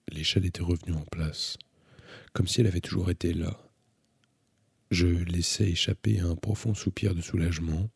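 A man calmly reading a novel aloud as an audiobook narrator, in a measured, introspective way. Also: low voice, gravelly, slightly rough, dry recording, studio quality.

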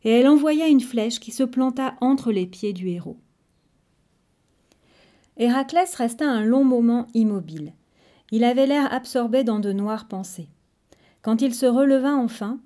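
A woman reads a children's adventure tale aloud with a warm, mellow voice pitched a little high. Her delivery is expressive and measured, like a storybook narration.

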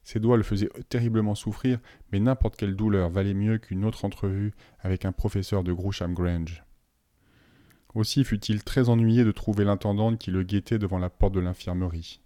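A man narrating an audiobook in a calm, measured storytelling voice. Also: on the low side, dry recording, clean studio sound. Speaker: audiobook reader.

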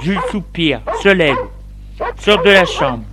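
A man reading a story aloud in a slow, deliberate way. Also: fairly high pitch. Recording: steady background noise.

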